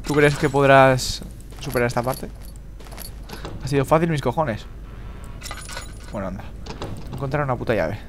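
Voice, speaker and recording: A man's voice: mid-range voice, moderate pace, pauses often, slight background noise. A man giving frantic horror game commentary, swearing a lot and repeating words in panic. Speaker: gamer.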